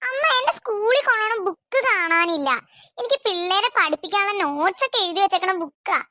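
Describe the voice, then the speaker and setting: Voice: extremely high pitch, fairly quick, bright, forceful tone, no echo. Performer doing a aggrieved teen daughter, whiny, resentful, dry sound. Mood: complaining. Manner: whining, complaining. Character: aggrieved teenage daughter who always feels blamed. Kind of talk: animated family comedy dubbing.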